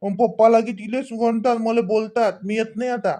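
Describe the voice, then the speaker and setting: A voice actor playing a sulky, stubborn young boy in an animated cartoon. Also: very high-pitched, a little fast, faint music behind. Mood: complaining. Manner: whiny, stubborn, pouting. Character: sulking young boy Tejas, stubborn and whiny.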